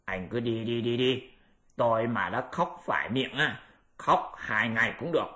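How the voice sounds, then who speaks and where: A man's voice: mid-range voice, normal speed, sharp tone, lightly acted. A man voicing a lazy, sly male pig-monk with a grumbling manner in an audiobook. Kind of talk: audiobook character voice.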